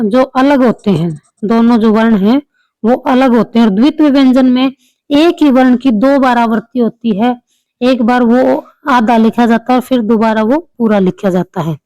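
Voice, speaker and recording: A woman teacher talks through practice questions one by one with a slightly high voice. She explains patiently and repeats the key answers. The sound is close and dry, with no room around it. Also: dark tone, no room sound, poor audio. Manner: explains step by step, repeats answers, small restarts. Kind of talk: exam-prep lesson.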